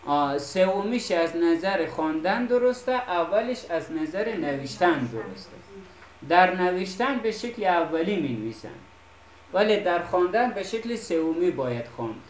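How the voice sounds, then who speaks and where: A man's voice: high voice, sing-song. Man, teacher, patient, keeps checking understanding, echoey room. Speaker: Arabic teacher. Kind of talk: classroom Quran reading lesson. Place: classroom. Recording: echoey classroom.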